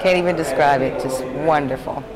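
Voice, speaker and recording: A woman's voice: sits low, moderate pace, a crowd in the background, poor audio. A woman fondly recalling a trip in a casual chat.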